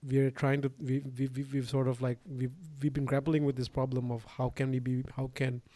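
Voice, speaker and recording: A man's voice: mid-range voice, flat delivery, a little fast, dark tone, dry recording. A young man from Sri Lanka hosting a podcast, talking casually in long rambling sentences full of fillers and restarts. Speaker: podcast host. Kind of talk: casual interview conversation.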